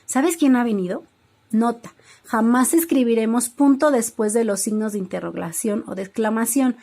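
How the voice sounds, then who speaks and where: Lady teacher, kinda high voice, walks students through examples. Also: a little mellow. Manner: explanatory, reads examples aloud. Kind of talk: classroom lesson.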